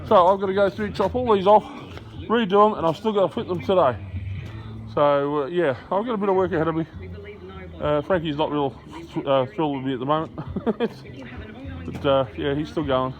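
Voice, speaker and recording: Mumbling man, higher-pitched voice. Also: fairly even intonation, a little fast, highs cut off. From Australia. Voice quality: slightly slurred, mumbling articulation. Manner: self-deprecating, rambling. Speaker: builder vlogging his house-raising job. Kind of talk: casual vlog narration to camera. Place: outdoor building site, gravel ground.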